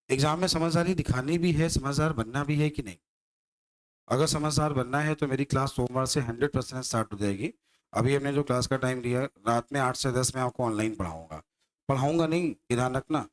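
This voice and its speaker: A male maths teacher lecturing a class, teasing his students and firing rhetorical questions at them. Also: medium pitch.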